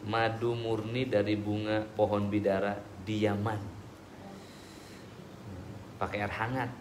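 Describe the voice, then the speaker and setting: A man's voice: fairly low pitch, flat delivery, slow. Male ustaz, chatty Q&A, echoey hall, slight hiss. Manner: conversational, acts out dialogues, checks understanding. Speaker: ustaz answering questions. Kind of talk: religious talk with audience Q&A.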